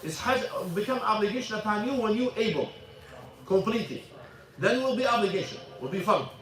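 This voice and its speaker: A slightly bright, high male voice belongs to an imam teaching an informal religious class with questions in a mosque classroom. He halts, repeats words and slips into Arabic, and the far-off mic captures heavy room echo.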